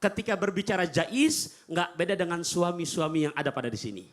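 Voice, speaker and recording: A man preaching a humorous sermon to a live audience, animated and joking. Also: high voice, fairly quick. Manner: animated, jokey, addresses audience.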